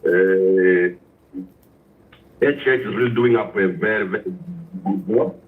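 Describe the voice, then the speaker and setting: A man from Angola calling in on a phone line, speaking hesitantly with many pauses and fillers. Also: fairly low pitch. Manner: hesitant, many "uh" and "I don't know". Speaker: caller. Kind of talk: phone-in call to a radio show. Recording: tinny distant phone line.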